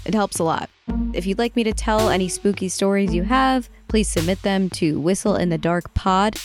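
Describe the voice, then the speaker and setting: A woman host tells a spooky story in a measured, suspenseful voice. She has an ordinary mid-range pitch and unhurried delivery. Quiet music runs underneath her narration. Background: soft music.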